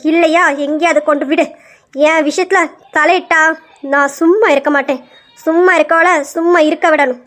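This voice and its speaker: A woman's voice: high-pitched, a bit bright. A woman voicing a defiant middle-aged mother who fiercely stands up for her son against the family. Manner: fierce, confrontational.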